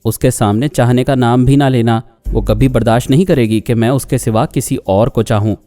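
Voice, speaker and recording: A man's voice: medium pitch, moderate pace, mellow, soft background music, lightly acted. A man voicing a torn young man who speaks in a coaxing, placating way.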